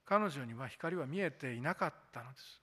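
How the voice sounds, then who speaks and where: Forceful man preaching in a reverberant hall. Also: medium pitch, animated, brisk. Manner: emphatic, repeats key points; asks the congregation rhetorical questions. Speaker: pastor. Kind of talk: sermon.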